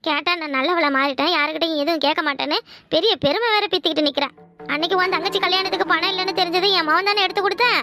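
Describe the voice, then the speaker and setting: Woman voicing a shrill scolding cartoon mother-in-law. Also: racing, over music. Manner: scolding, complaining. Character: nagging scheming old mother-in-law.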